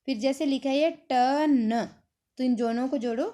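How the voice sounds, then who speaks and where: A woman's voice: high voice, a little slow, mellow. A woman teaching a phonics lesson, patiently sounding out letters one at a time and then joining them into words, repeating each word.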